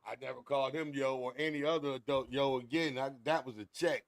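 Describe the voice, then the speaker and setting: A man's voice: mid-range voice, steady tone, quick pace, no room sound. A man in his forties hosting a podcast, chatting casually, swearing freely, laughing often and mimicking elders. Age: 40s. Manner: profane, laughing storyteller, does loud mocking voices of elders. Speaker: podcast host.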